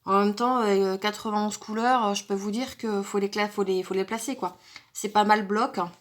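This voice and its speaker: Speaking at normal speed with a medium-pitched, steady tone, a woman crafting vlogger narrates an unboxing. Her talk is casual and unplanned, full of fillers and pauses as she thinks out loud.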